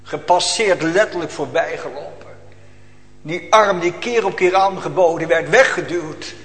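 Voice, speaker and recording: A man preaching a sermon as pastor, swinging between loud declaiming and hushed near-whispers. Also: a little high, unhurried. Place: church. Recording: echoey church hall.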